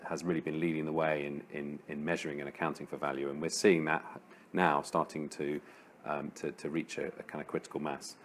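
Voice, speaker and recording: A man, chair of a social value network, giving an interview answer, halting with many ums and repeated words. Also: very deep voice.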